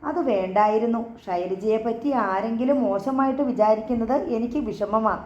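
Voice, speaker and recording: A woman's voice: a little high, fairly even intonation, moderate pace, a little mellow, close to an everyday voice. A woman voicing an earnest, shy young man in love, in a dull echoey room recording. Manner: earnest, flustered.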